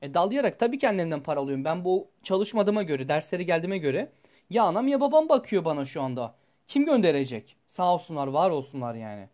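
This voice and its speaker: A man's voice: a little high, quick pace. Young man ranting through a story. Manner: rambling and animated, swears freely. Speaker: student telling a personal story. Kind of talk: casual storytelling vlog.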